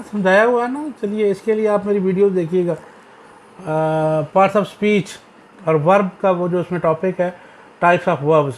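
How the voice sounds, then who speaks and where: A man with a Pakistani accent teaching an English grammar lesson, speaking slowly and repeating key words as he checks whether his students are following. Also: high voice, a little hiss or hum. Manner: slow, repetitive teaching with frequent "ji" checks; addresses students fondly, reads English text aloud.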